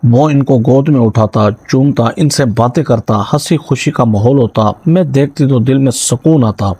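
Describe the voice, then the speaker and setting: A man narrating a first-person story in a steady, dramatic, scripted reading voice into a close mic. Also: medium pitch, husky, dry recording, rough recording.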